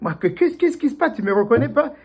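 Guy doing a squeaky little boy mouse, husky, all over the place. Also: huge pitch swings, brisk, background noise, heavily acted. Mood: excited.

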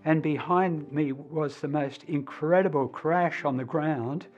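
Slightly higher male voice, measured anecdote, muffled lo-fi sound. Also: darkish tone, soft background music. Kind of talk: casual reminiscing.

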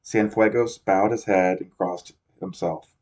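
Low-voiced man reading aloud. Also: fairly even intonation, unhurried, darkish tone. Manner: reads with frequent slips and self-corrections. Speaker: audiobook reader. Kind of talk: amateur audiobook narration. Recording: dull lo-fi recording.

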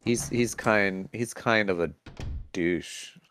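A man's voice: fairly low pitch, takes it slowly, a bit bright, a little hiss or hum. A man co-hosting a let's play, sarcastically commenting and reading in-game text aloud. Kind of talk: casual gameplay commentary. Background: game music.

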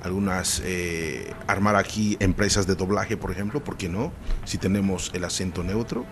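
A man's voice: low voice, moderate pace, music in the background. A man hosting a TV interview show asks short, probing questions and adds brief interjections in a studio. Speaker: TV talk show host.

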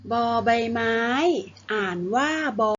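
A woman teacher reading each consonant name and then its sound in a slow phonics drill for young children. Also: a bit bright. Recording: dull lo-fi recording.

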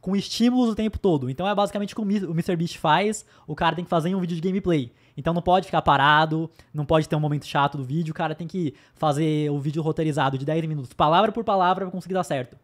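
A man's voice: a little high, rapid-fire, hardly any pauses. A young man with a Brazilian accent co-hosting a podcast, explaining things in a matter-of-fact casual chat. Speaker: podcast co-host.

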